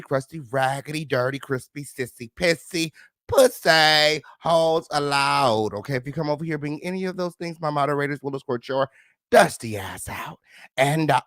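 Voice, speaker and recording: A man's voice: dry recording, clean studio sound. Sassy, flamboyant man hosting gossip. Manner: sassy and flamboyant, with loud catchphrases and profanity; frequent high-pitched laughing outbursts. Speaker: gossip show host. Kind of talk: casual livestream commentary.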